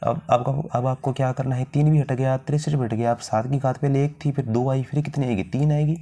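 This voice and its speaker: Male tutor, warm low tone, rhetorical question-and-answer teaching style. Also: fairly even intonation, a little fast. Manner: asks questions to the viewer and answers them himself. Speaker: math teacher. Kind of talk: step-by-step math lesson.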